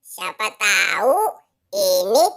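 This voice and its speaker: A woman voicing an eager, helpful little cartoon boy in a high, childlike, sing-song voice. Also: big pitch swings, takes it slowly, gravelly, a bit bright, exaggerated voice. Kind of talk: cartoon-style kids' voice acting.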